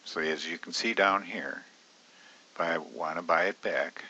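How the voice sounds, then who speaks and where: A man's voice: unhurried, pushed and bright, breathy edge, lo-fi sound. A man casually walking through an options trade on screen, chatty with many fillers. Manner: casual, chatty, many fillers, bursts into high-pitched alarm retelling panic. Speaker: options trading educator. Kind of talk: screen-recorded trading walkthrough.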